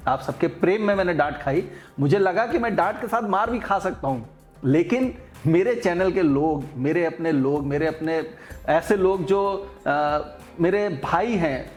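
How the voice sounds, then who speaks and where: A man hosting a devotional interview, earnest and emotive, with sudden lifts in his voice. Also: sits high. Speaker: host.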